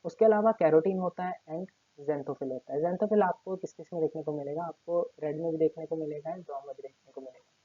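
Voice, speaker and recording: Here a man lectures from his table in a recorded class, breaking things down step by step and checking with students after most points. His fairly high, slightly rough voice moves fairly quickly, with no echo, on tinny lo-fi audio that sounds like a phone.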